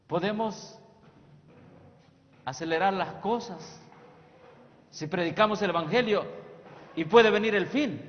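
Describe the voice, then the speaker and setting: A man preaches with emphasis in a somewhat high voice and throws questions to the audience for them to answer. The sound is dull and lo-fi, with a long reverb from a big hall. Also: takes it slowly, long pauses. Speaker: youth ministry presenter. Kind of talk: sermon-style presentation.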